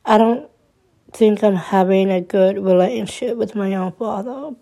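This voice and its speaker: A young woman in her twenties opens up in a subdued personal monologue. Her voice is dark and gravelly, and her delivery stays slow and flat. She stumbles, restarts and repeats words as she talks. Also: medium pitch. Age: 20s. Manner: subdued and troubled.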